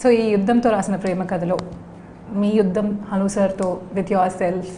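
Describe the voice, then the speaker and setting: A woman's voice: medium pitch, steady tone, racing, warm tone, slight background noise. A woman with a Telugu Indian accent asking questions in a conversational film interview.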